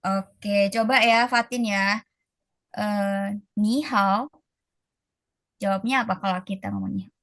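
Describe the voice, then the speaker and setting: A woman's voice: mid-range voice, steady tone, fairly bright tone, dry recording, studio quality. Chatty woman tutor teaching Mandarin. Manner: slow, drawn-out model pronunciations; casual, chatty teaching, calls students guys. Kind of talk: online language class. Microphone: video call.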